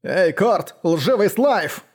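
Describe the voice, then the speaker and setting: A man's voice: high voice, big pitch swings, slow pace, voice pushed up, heavily acted. A man doing a bellowing hot-tempered steadholder. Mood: furious. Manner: bellowing, hoarse.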